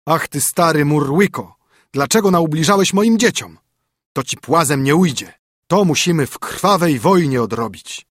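A proud old king wren from a storybook fable, indignant and raised, as a man puts him on. His voice is pitched up and a little husky, recorded dry. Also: lively intonation, moderate pace, dry recording. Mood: angry.

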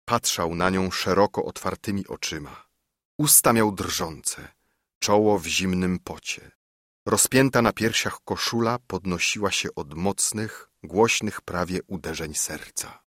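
A man reading classic literary prose in a slow, measured storytelling voice. His voice sits low and husky, and it rises and falls expressively. The recording is dry and close. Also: fairly bright tone, no echo. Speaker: narrator. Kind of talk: scripted literary narration.

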